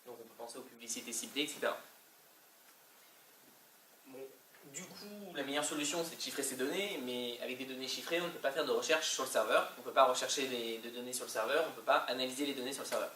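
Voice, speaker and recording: Male conference speaker, French accent, colloquial and hesitant, bright tone, echoey room with faint noise. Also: mid-range voice, fast, distant mic. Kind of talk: informal technical presentation.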